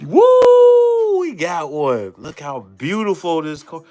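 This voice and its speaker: A young man opening trading cards on camera, so hyped he keeps stammering and exclaiming. His pitch leaps all over the place while his words come slow and drawn out, with faint music playing under his voice. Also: very animated. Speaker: card-opening channel host. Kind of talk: excited unboxing vlog.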